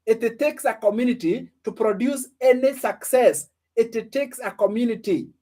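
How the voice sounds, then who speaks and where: A very high-pitched, warm voice at normal speed belongs to a late-twenties online business coach. He motivates his listeners by asking them questions and stressing phrases through repetition.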